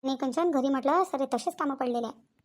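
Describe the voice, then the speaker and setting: A woman plays a chatty married village woman in a cartoon who explains everything at length. Her voice is high and her delivery is fast, with a Varhadi accent from Vidarbha. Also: lightly acted. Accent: Varhadi Marathi, Vidarbha. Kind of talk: cartoon voice acting.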